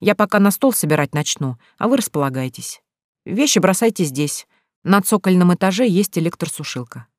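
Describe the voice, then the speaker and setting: A reader voicing an older retired farmer with a grey beard who is chatty and welcoming, talking in a hearty, drawn-out way. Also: mid-range voice, expressive, no echo, studio quality, natural voice. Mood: hospitable.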